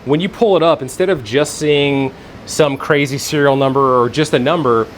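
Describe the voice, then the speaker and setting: A man's voice: mid-range voice, normal speed, low-quality recording. A man giving a casual, informal walk-through in vlog style, rambling and thinking aloud as he guides the viewer. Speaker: tour guide. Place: indoors, workplace rooms. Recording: faint room and air-conditioning noise.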